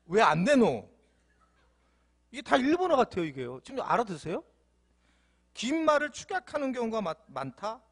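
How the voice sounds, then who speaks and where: High, lively male pastor. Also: normal speed, pauses often. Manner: playful, often laughing. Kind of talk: sermon.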